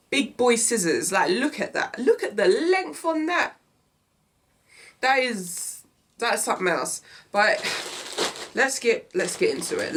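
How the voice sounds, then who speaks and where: Recording in a small room, a young female fashion vlogger unboxes and tries on pieces, chatting enthusiastically and describing what she handles. Her voice is nasal and medium-pitched, with a little hiss or hum in the recording.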